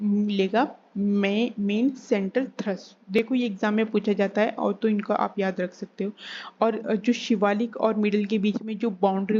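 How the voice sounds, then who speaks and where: A woman teaching an exam-prep geography lesson, repeating key terms slowly and asking and answering her own questions. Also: medium pitch, darkish tone. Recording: slightly dull recording with faint hiss.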